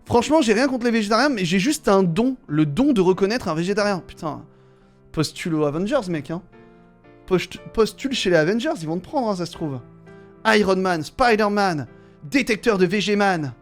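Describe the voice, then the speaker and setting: A man's voice: sits high, lively intonation, fairly quick, faint music behind. A man streaming live, reading viewer messages aloud and commenting on them with wry jokes.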